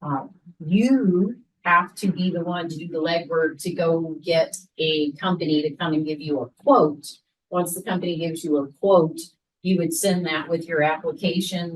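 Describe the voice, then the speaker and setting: Woman, low pitch, relaxed class talk, heard from across the room. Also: distant mic, poor audio. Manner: conversational, filler-heavy explaining. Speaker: extension program coordinator. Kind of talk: informal class presentation.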